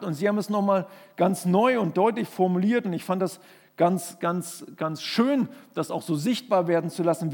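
Earnest high-voiced male preacher. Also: in a large hall. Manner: earnest, conversational, restarts mid-sentence. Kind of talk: sermon with personal story.

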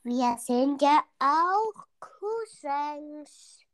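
A man's voice: very high voice, animated, very slow, fairly bright tone, exaggerated voice. A young performer playing a cheerful, dim-witted male genie cousin in improvised role-play, stammering and repeating words. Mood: goofy.

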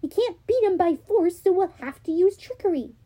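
A woman voicing a clever teenage girl who talks briskly and slyly. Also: very high-pitched, animated, mellow, voice pushed up. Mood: brisk scheming.

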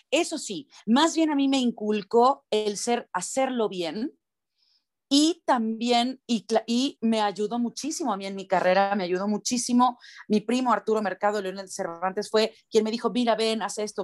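A woman from Mexico, a voice actor with a Mexican Spanish accent, speaking earnestly and emphatically in an interview. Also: mid-range voice. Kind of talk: conversational interview.

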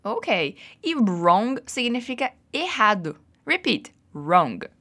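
Brazilian-accented woman English teacher; patient, encouraging, animated pitch. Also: slow. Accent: Brazilian Portuguese. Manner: patient, encouraging, drills repeats. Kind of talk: guided language lesson.

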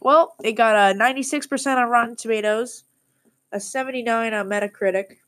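A woman's voice: a little high, a little fast, fairly bright tone. A woman hosting a casual movie podcast, leading the talk, reading out ratings and laughing often. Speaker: podcast host. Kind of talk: casual chat about a movie.

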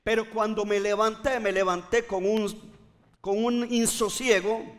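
A man's voice: sits high, little pitch movement, a little slow, in a large hall. A male pastor preaching a fervent sermon, repeating phrases and urging the congregation to respond. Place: church.

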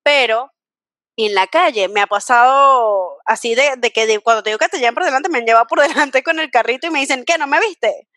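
A Venezuelan woman with a high voice hosts a relaxed podcast conversation. She tells stories with lively energy and breaks into laughter often, all recorded close and dry. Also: brisk, no room sound. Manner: animated storyteller, laughs often. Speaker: podcast host. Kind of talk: casual podcast chat.

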